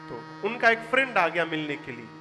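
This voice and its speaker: A male katha preacher, whose high, bright voice tells devotional stories and quizzes the crowd. His stage mic fills a large hall with long reverb. Soft devotional music plays behind him. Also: big pitch swings, moderate pace. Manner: quizzes audience, chants verses. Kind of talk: devotional storytelling sermon. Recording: echoey hall, faint music.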